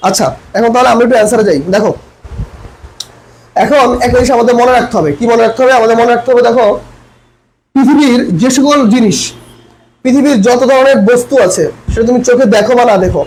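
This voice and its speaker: High-pitched fast Bangladeshi tutor. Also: male voice, darkish tone, a little hiss or hum, low-quality recording. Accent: Bangladeshi Bengali. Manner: questioning, repeats points, addresses students as brothers. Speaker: admission coaching lecturer. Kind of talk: online English grammar lesson. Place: his room, teaching an online class.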